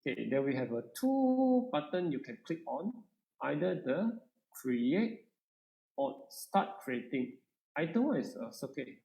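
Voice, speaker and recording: A man with a Malaysian accent teaching an informal coding lesson, switching between English and Malay, halting and often checking that listeners follow. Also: a little high, very animated, vocal fry, warm tone. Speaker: coding workshop instructor. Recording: echoey room, faint background noise.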